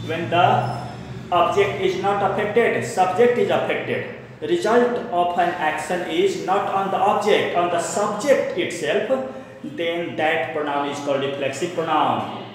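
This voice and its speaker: A man's voice: sits high, unhurried. A man with an Indian English accent teaching grammar, often repeating terms and spelling words aloud. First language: Hindi. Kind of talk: classroom grammar lesson. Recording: echoey room with long reverb, faint noise.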